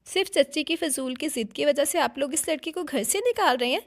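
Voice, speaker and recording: A woman's voice: sits high, big pitch swings, racing, sharp tone, pitched above the performer's own voice, full character voice. A woman reading the lines of a hot-tempered young man who speaks curtly and angrily. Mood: angry. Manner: curt, angry.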